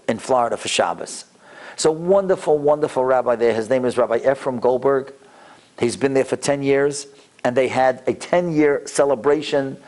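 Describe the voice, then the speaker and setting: A man's voice: mid-range voice, a little mellow. A man giving an anecdotal, inspirational religious lecture as a rabbi, acting out dialogue and repeating words for emphasis.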